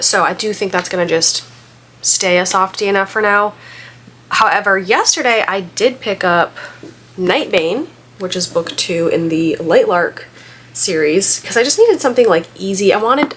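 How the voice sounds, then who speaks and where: Still stuffed up as she recovers from a head cold, a woman book vlogger chats in a loose, rambling vlog style packed with filler words. She has a mid-range, slightly bright voice, and there's a little hiss or hum.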